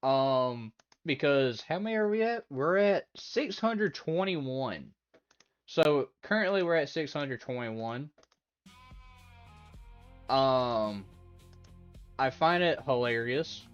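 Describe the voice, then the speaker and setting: Talking slowly and pausing often, this young man hangs out with his livestream audience, wandering from topic to topic, laughing readily and reading chat messages aloud. His mid-range voice is expressive with a clean tone, though the stream's lo-fi sound is dull and carries faint background music.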